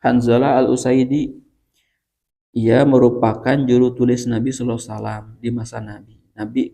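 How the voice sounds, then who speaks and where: A man's voice: mid-range voice, level tone, fairly quick, vocal fry, mellow. A male preacher with a Sundanese accent giving a chatty religious study talk, laughing often and addressing his listeners directly.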